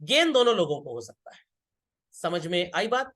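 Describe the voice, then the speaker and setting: A man's voice: high voice, very animated, moderate pace, fairly bright tone. Man, accountancy teacher, classroom lecture, repeats key points, keeps checking students understood. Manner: keeps asking students whether they understood.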